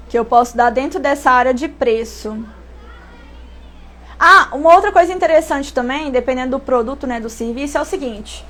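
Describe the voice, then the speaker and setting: A high-voiced Brazilian woman teaching pricing in a relaxed, live-stream manner. She talks in a chatty way, stops to correct herself and throws rhetorical questions at her viewers. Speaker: online sales and pricing instructor. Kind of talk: casual live-stream tips.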